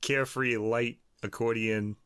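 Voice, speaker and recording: A man co-hosting a music podcast in casual chat, halting and stumbling over foreign words with a laugh. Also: mid-range voice, flat delivery, a bit bright, clear, resonant tone, no room sound. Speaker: co-host of a classical music podcast.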